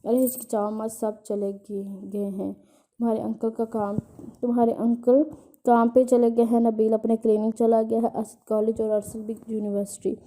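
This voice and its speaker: A woman reading the lines of a caring middle-aged mother figure who gently scolds and reassures, in a storybook reading. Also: fairly high pitch, level tone, close to an everyday voice. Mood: tender.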